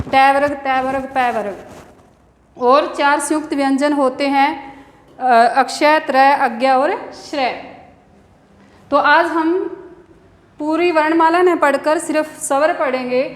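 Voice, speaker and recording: A woman school teacher giving a grammar lesson, explaining step by step and asking and answering her own questions. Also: high-pitched. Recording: echoey room with long reverb.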